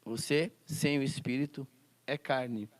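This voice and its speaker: At a measured pace, this man leads a Bible school class in a mid-range voice with fairly even intonation. He quotes scripture, acts out classroom scenes, and asks the class rhetorical questions.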